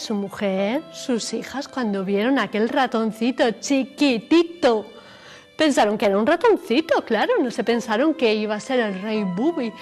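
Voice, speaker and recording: Cuentacuentos animada de voz aguda. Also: female voice, on the high side. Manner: animated, expressive. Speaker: storyteller. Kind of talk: children's storytelling. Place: television studio. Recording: faint music behind.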